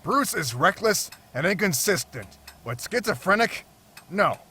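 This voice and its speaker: A man's voice: high voice, big pitch swings, measured pace, bright, forceful tone, slightly rough, full character voice. A man playing an indignant, principled older police commissioner in a motion comic.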